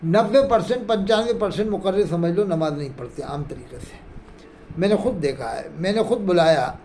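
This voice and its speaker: Man, religious lecture, earnest preacher, high-pitched voice, faint background hiss. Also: expressive, normal speed, dark tone. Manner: earnest, reproachful, full of rhetorical questions. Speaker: Islamic preacher. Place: India.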